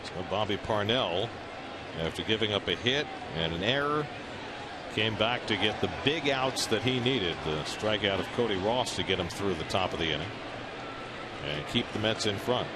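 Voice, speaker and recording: A man's voice: on the low side, expressive, normal speed. A man calling a baseball game live as the play-by-play announcer. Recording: loud stadium ambience behind. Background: outdoor ballpark noise.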